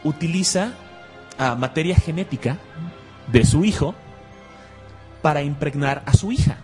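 A man's voice: a little high, expressive, unhurried, a little mellow, faint music behind. A Mexican man hosting a casual online radio show about comics, chatty and joking, laughing often. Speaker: radio host.

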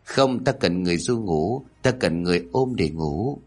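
A man voicing a gentle young husband who pleads politely with his mother. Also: sits low, expressive, moderate pace, husky, full character voice. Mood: pleading.

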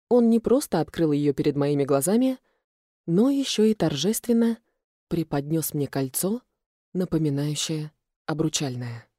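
Woman narrator, first-person fantasy audiobook, calm storytelling, warm low tone, dry close-miked sound. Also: no room sound.

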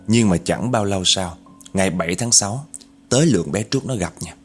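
A man narrating a horror story in an animated way, speaking directly to his listeners. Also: low-pitched, fairly quick, husky, faint music behind.

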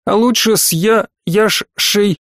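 In a clean studio recording with no room sound, a man reads an audiobook, voicing a stubborn, whiny little boy who pleads and insists. He performs a full character voice pitched above his own, high, slow, and a bit bright.

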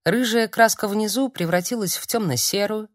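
A woman narrating an audiobook in a calm, measured reading. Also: medium pitch, dry recording, studio quality. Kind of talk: scripted narration.

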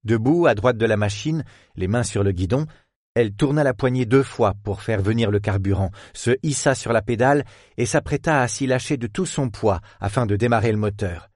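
A man narrating a novel as an audiobook, in a measured, literary storytelling manner. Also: medium pitch, a little mellow, dry recording, studio quality.

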